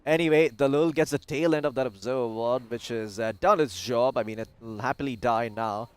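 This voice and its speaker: A man's voice: medium pitch, normal speed, clear, resonant tone. A man casting a live esports match, chatty and jokey, with self-deprecating asides. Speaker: esports caster. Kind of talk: live game commentary.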